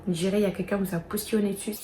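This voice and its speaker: A woman's voice: medium pitch, steady tone, rapid-fire, warm tone, slight background noise. A young woman walking viewers through a casual makeup tutorial, chatty and talking straight to them. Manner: chatty, addresses viewers directly. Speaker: beauty vlogger.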